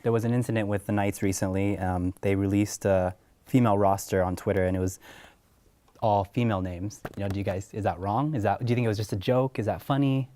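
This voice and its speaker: A student moderating a sports panel, asking quick questions and giving brief acknowledgements. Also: female voice, rumbling low, fairly even intonation, mellow.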